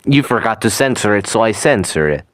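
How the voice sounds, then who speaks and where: A man's voice: on the low side, expressive, fairly quick, fairly bright tone, no room sound. A young man hosting his own reaction video, chatting casually and rambling, often trailing off with "so yeah". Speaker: channel host reacting to a video.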